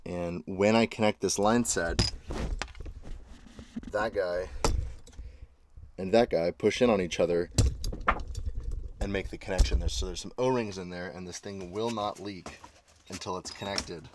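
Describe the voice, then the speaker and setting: Deep-voiced and a little slow, with long pauses and fairly even intonation, a man in his thirties casually narrates his DIY barn-home build, explaining technical details upbeat. He moves among the attic, outdoor deck and indoor rooms. The close handheld action camera catches background noise.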